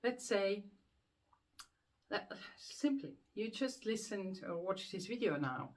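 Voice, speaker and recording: Speaking slowly and in an animated mid-range voice, a woman with a Swiss accent talks to camera about the subconscious mind as a hypnotherapist. She is earnest, asks rhetorical questions, and repeats words while gathering her thoughts.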